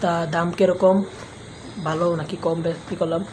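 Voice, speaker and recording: A man talks quietly to his phone camera in a cowshed at night, keeping his voice hushed for a casual vlog. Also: a little high, little pitch movement, normal speed. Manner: speaking softly and hushed. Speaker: village lifestyle vlogger. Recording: noisy background.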